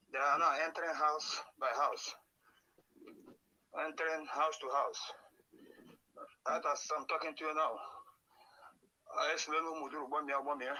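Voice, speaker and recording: A man's voice: on the high side, sharp tone, poor audio. A Nigerian man in an urgent voice message played back during a live stream, sounding alarmed and pleading as he reports what is happening around him. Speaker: local resident reporting events. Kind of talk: urgent voice note mixing Igbo and English.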